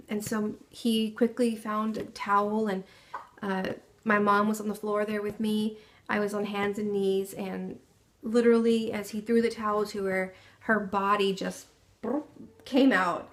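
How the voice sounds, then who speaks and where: A young woman telling the story of her baby's home birth in a casual, soft-spoken way, with many pauses and fillers. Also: medium pitch.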